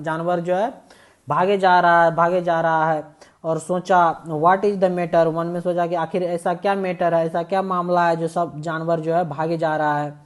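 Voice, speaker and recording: A teacher reading an English story line by line and explaining it in Hindi, with many repeats and restarts. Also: medium pitch.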